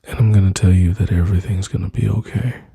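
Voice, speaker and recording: Man, dark husky voice, intimate soothing whisper-talk, dry close mic. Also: low voice, fairly even intonation, quick pace, no room sound. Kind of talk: soft-spoken ASMR comfort roleplay.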